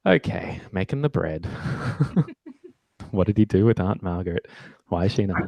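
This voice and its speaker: A man with a lowish, gravelly voice walks a student through music theory in a relaxed, chatty lesson. He explains with plenty of ums and okays and drifts into playful, self-teasing jokes. The sound is close and dry. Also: a little slow, no echo. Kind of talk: casual one-on-one lesson.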